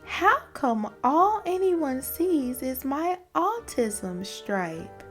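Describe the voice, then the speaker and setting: A woman's voice: high-pitched, very animated, very slow, a bit bright, exaggerated voice. A woman voicing an anxious, earnest young boy zebra in a storybook, speaking expressively. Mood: upset. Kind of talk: storybook character voice. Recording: music behind the voice.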